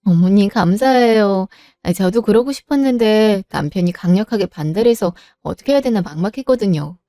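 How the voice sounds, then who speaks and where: Woman narrator, pleading, anxious; mellow, dark tone, dry. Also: mid-range voice, lively intonation, brisk, no echo, soft background music. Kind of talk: dramatic story narration.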